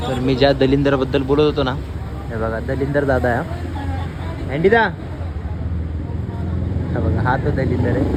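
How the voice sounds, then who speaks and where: A man's voice: mid-range voice, low-quality recording. A young man vlogging casually from his motorcycle, joking and rambling in a self-mocking, chatty way. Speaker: motovlogger. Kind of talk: casual rambling vlog chat. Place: outdoors on a motorcycle on city roads. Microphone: newly bought vlogging mic. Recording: loud traffic and engine noise. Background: motorcycle engine and street traffic.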